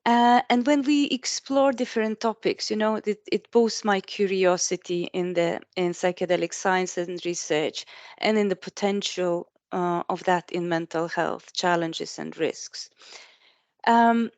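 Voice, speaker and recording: A woman's voice: fairly low pitch, steady tone, unhurried, darkish tone, no room sound. A woman hosting an interview over a video call, asking polite, curious questions. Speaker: interview host.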